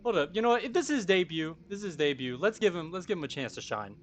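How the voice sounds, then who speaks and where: Young male play-by-play caster, somewhat high-pitched, excitable and easily surprised. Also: quick pace, a little hiss or hum. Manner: excitable, frequent bursts of surprise. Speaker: match commentator. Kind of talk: live play-by-play commentary.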